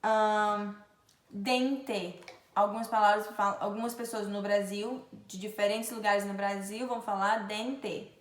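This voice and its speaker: A Brazilian Portuguese teacher from Brazil, speaking with a medium-pitched, level voice, leads a pronunciation lesson on letter sounds. She slowly draws out each example, and the room sounds echoey.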